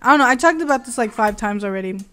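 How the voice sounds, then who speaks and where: Young woman vlogger, lively laughing storyteller, slightly high voice. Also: very fast. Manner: animated, laughing, sassy retelling. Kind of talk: casual storytelling chat.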